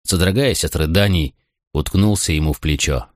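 A man narrating an audiobook in a dramatic, expressive reading. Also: deep voice, normal speed, no room sound, studio quality.

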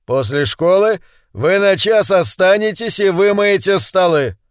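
A man's voice: high-pitched, animated, a little slow, clear, resonant tone, no echo, studio quality, pitched above the performer's own voice. A man voicing a stern, sarcastic male schoolteacher who talks in a sneering, commanding way.

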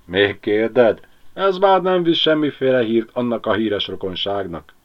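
A man's voice: fairly low pitch, lively intonation, lo-fi sound, voice pushed up, lightly acted. Man voicing a whiny, mocking barn animal. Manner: whining and mocking. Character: fussy complaining barn animal, sneering.

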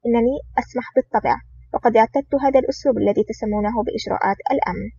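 A reader speaks as a cool, sardonic male agent who mocks with calm ease. The delivery is quick, and the audiobook recording sounds dull and lo-fi with a faint hiss. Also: mid-range voice, gravelly, natural voice. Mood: calm mocking. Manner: mocking, calm. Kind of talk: audiobook reading.

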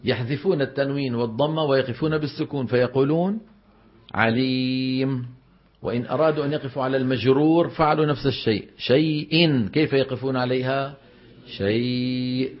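A middle-aged man with a Levantine Arabic accent giving a classroom lecture on Quran recitation. He quizzes his students and then answers by drawing out the example words slowly. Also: mid-range voice. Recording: slightly dull lo-fi recording.

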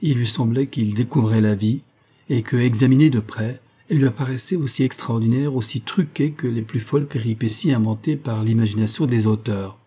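A man reading a novel aloud in an even, measured storytelling manner. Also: medium pitch, husky. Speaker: audiobook reader.

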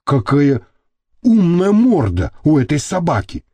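A man's voice: on the high side, huge pitch swings, unhurried, a little mellow, no room sound, exaggerated voice. A man voicing a naive, earnest young male inmate who talks sheepishly. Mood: admiring.

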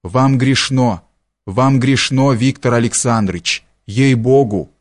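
A man voicing a timid, devoted young peasant girl who pleads softly in an audiobook story. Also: medium pitch, normal speed, lightly acted. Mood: pleading.

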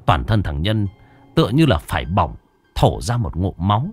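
A man narrating a horror story in a dramatic, drawn-out storytelling manner. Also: low-pitched, big pitch swings, slightly rough, no room sound, faint music behind.

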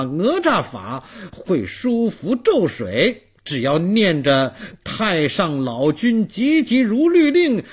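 A storyteller voicing a boastful old man who brags he fears no ghosts, then shouts in panic. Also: mid-range voice, slightly rough, full character voice.

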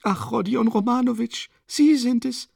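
A man reading an audiobook, voicing a breathless, coughing, impoverished mother who talks in shrill, hasty pleas and scolding. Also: a little slow, vocal fry, darkish tone, husky, no room sound, studio quality, heavily acted. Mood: frantic, pleading. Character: frantic impoverished widowed mother, consumptive woman. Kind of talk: audiobook character voice.

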